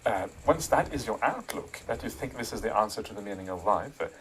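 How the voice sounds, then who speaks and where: A middle-aged man from Norway, a Buddhist monk answering interview questions thoughtfully, with many pauses and fillers. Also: on the low side, animated, slight background noise, low-quality recording. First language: Norwegian. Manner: thoughtful, frequent "uh" and "yeah", soft laughs. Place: monastery.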